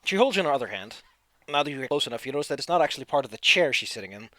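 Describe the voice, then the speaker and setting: A man's voice: mid-range voice, very animated, very fast, sharp tone, no room sound. A man narrating a tabletop game as game master, describing scenes to the players.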